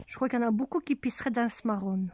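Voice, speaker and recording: A woman with a high voice hosts a casual family vlog. She chats away, speaking directly to her viewers. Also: very fast, a little mellow, dry recording. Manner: chatty, speaks straight to viewers. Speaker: family vlogger, mother.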